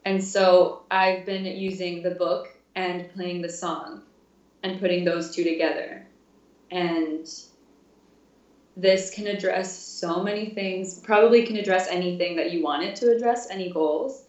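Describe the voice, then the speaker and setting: A woman's voice: on the low side, fairly even intonation, a little slow, darkish tone. A woman in her twenties, a music therapy intern, chatting casually in an interview with frequent fillers and laughs. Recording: roomy, distant, dull sound.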